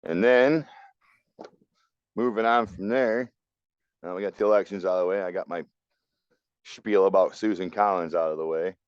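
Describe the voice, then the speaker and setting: A man with a lowish, smooth voice gives blunt, opinionated takes in casual podcast talk. The sound is dry and a little dull, as from a modest lo-fi setup. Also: moderate pace, long pauses, no echo. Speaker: podcast co-host.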